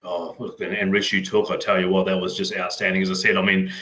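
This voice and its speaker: A man's voice: deep voice, level tone, fast, sharp tone, poor audio. A man interviewing a cyclist, asking long rambling questions full of "you know" and "um". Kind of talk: casual interview.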